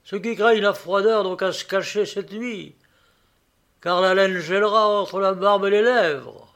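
A man's voice: high voice, a little slow, a bit bright, voice pushed up. Man voicing a frightened coach driver. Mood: fearful.

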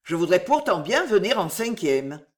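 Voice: medium pitch, big pitch swings, normal speed, close to an everyday voice. A reader voicing Renard, a sly wheedling fox. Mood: coaxing. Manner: coaxing, wheedling. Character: sly, flattering male fox.

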